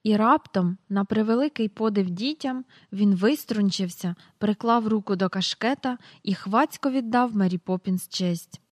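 A woman reading a children's audiobook aloud, calmly, including descriptions of the pictures. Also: medium pitch, normal speed, hardly any pauses, no echo, studio quality. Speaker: narrator.

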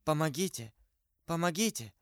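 A man voicing a dying young woman who speaks in a high, trembling, pleading voice. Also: animated, measured pace, a bit bright, clean tone, dry recording, studio quality. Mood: faint. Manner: pleading, emotional.

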